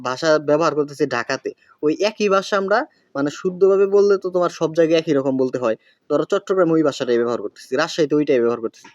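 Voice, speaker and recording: A man's voice: fairly high pitch, darkish tone, no room sound, dull audio. A man teaching a school grammar lesson. He asks questions and answers them himself, with many fillers.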